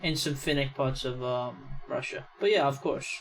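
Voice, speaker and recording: A man's voice: mid-range voice, moderate pace, poor audio. A young American man hosting a reaction channel, giving loose, rambling casual commentary full of "I mean" and "yeah". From United States.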